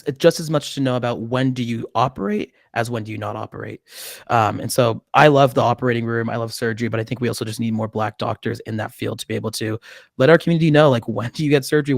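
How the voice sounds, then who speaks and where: A man's voice: medium pitch, steady tone, fast, vocal fry, no room sound, studio quality. Earnest young man on a video call. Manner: earnest and explanatory, laughs often. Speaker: medical student guest. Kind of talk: casual interview by video call. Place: small indoor room. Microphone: studio mic with headphones on video call.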